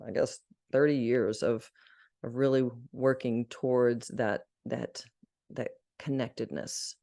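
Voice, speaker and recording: A woman's voice: low voice, warm tone. Earnest middle-aged woman from Arkansas. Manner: earnest, heartfelt, candid. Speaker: guest. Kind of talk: personal storytelling in a podcast interview.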